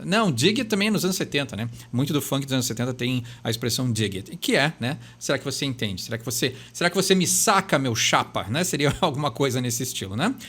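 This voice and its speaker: A man's voice: mid-range voice, a bit bright. A man with a Brazilian Portuguese accent who explains song lyrics in a casual, chatty way, thinking aloud and tagging his sentences with a questioning "né".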